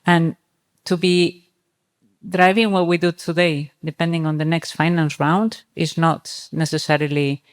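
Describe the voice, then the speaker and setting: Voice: medium pitch, flat delivery, measured pace. An earnest, discursive speaker on a discussion panel, talking at length. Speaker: panelist, startup and impact advocate.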